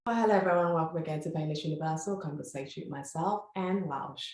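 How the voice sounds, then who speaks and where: A woman's voice: low-pitched, fast, a little mellow, reverberant. A woman hosting a podcast interview, effusive and enthusiastic, sometimes stumbling over her words. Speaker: podcast host.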